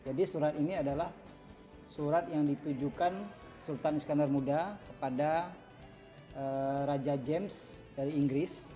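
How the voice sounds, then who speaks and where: A man guiding visitors through a museum exhibit. He explains carefully and pauses on fillers. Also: fairly high pitch, steady tone, warm tone, faint music behind. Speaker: museum guide. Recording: dull lo-fi sound.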